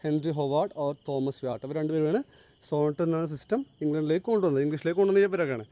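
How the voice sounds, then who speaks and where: A male teacher giving a classroom lecture, explaining step by step, quizzing his students and reading English lines slowly and deliberately. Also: fairly high pitch, warm tone, no echo. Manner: explains, then asks the class to answer.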